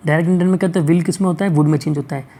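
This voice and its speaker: A male teacher going through exam questions, reading the English sentences out slowly and checking in often to ask whether it is clear. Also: fairly high pitch, steady tone, dark tone. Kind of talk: exam-prep lesson.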